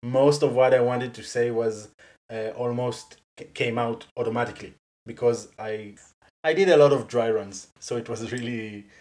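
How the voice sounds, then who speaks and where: Speaking in a mid-range voice, an interview guest chats informally in English, her second language after Hebrew, with an Israeli accent. She's animated, laughs readily, and keeps saying "like" while restarting her sentences.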